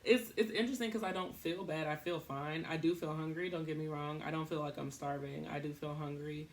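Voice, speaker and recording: Chatty woman thinking out loud. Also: low-pitched, fairly even intonation, a little fast, slight background noise. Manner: thinks out loud, chatty, self-interrupting, laughs at herself. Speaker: podcast host. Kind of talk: casual rambling monologue.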